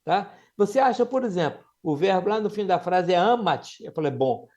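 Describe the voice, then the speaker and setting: A man with a Brazilian Portuguese accent teaching a live Latin class, patiently drilling students with questions and slowly modelling each word. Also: high voice, expressive, a little mellow, dull audio. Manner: repeats and slows words to model them.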